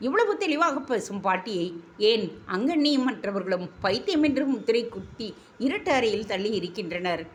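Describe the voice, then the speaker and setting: A woman narrating a serialized story in an expressive, measured reading. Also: fairly high pitch.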